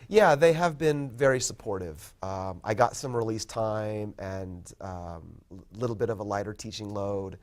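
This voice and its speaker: A man in his fifties with a fairly low voice chats about his writing in an easy interview. He sounds thoughtful and modest and often pauses with an um or starts a sentence over. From born in Korea, raised in California. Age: 50s. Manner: thoughtful, modest, hesitant with ums and restarts. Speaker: poet and college professor, guest. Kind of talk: casual interview chat.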